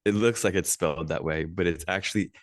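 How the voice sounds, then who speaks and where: A man's voice: sits low, quick pace, no echo, studio quality. An American man talking casually as a podcast guest, rambling with lots of fillers and restarts. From United States.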